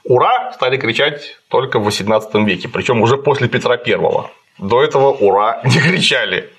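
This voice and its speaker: A man's voice: mid-range voice, lively intonation, fairly quick, a bit bright, breathy edge. A man chatting casually while critiquing a film, sarcastic and digressive. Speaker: co-host reviewing a film.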